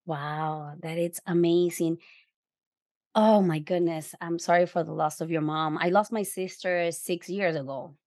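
A woman's voice: lowish voice, steady tone, unhurried, a little mellow, no room sound, clean studio sound. A woman podcast host, reading a scripted intro and then interviewing in an enthusiastic, effusive way.

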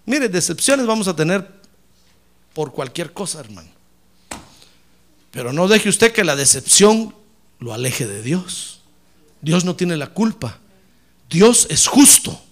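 A man preaching a lively sermon as a pastor, acting out church members in comic voices. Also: high-pitched, takes it slowly, long pauses.

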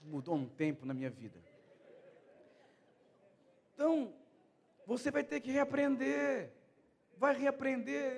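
A middle-aged pastor delivers a conversational sermon, repeating his phrases for emphasis. His voice sits unusually high for a man and has a gravelly, fried edge. A long church-hall reverb trails after his words. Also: darkish tone.

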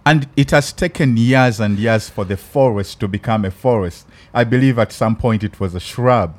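A Ugandan man hosting a podcast in casual chat, thoughtful and halting, with many restarts. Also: medium pitch. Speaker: podcast host.

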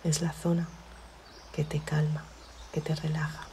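A woman narrating a guided sleep meditation in a soothing, measured way, in short phrases with long pauses. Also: low voice, monotone, vocal fry, dark tone, a little hiss or hum. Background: music behind the voice.

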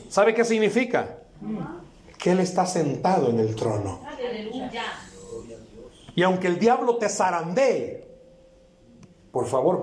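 A man preaching a sermon as a guest preacher at a church service, impassioned and repetitive, rising to shouts. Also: a little high, echoey room.

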